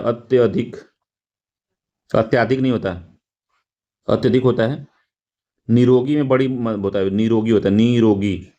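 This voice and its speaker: A man's voice: on the low side, mellow, muffled recording. A male teacher going through exam practice questions, repeating words and correcting himself, with frequent fillers. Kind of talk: explaining test answers.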